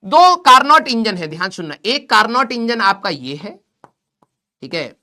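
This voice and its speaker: A man's voice: high-pitched, sing-song, a little slow, pushed and bright. A young man teaching a live online physics class in a chatty, joking way, teasing his students. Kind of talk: casual live class lecture.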